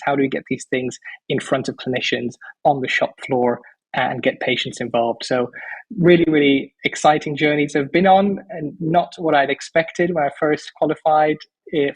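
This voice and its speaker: A Dutch physician around forty appears as a podcast guest, speaking articulately and with enthusiasm. His medium-pitched voice is steady, a little fast, and slightly rough, and the audio quality is poor.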